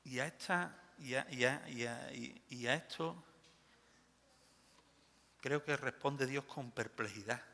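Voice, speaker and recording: An animated male pastor with a Spain Spanish accent preaches with emphatic rhetorical questions. His voice is bright and gravelly. A long church reverb hangs on every phrase. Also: medium pitch, takes it slowly, long pauses. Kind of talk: sermon.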